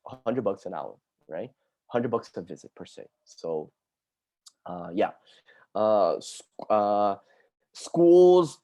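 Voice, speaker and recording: A Brazilian occupational therapist chats casually on a video call, answering student questions and saying "dude" and "like" a lot. His voice is lowish with a darkish tone.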